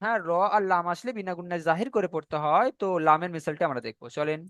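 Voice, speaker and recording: The speaker, a man with a fairly high voice and a fairly bright tone, runs an online tajweed lesson that works through Quran recitation rules step by step. He slows and stretches the recited words so learners can follow along. No room echo is heard; the sound is close and dry.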